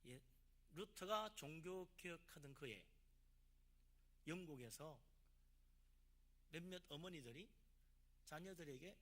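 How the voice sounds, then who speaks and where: A man's voice: a little high, a bit bright. A man, a pastor from South Korea, preaching a sermon with emphatic delivery and rhetorical questions.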